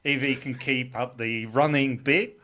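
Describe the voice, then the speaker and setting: A man putting on a broad mock Australian bloke, deadpan and matey. He plays it straight, in an even middle register. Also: mid-range voice, measured pace. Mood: mock Aussie.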